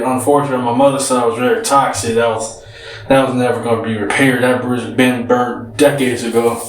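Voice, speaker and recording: A man who is out of breath, talking casually to his viewers in a rambling way, often saying "you know what I'm saying". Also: mid-range voice. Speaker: vlogger. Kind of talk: casual talk to camera. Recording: roomy sound, mic at a distance, faint noise.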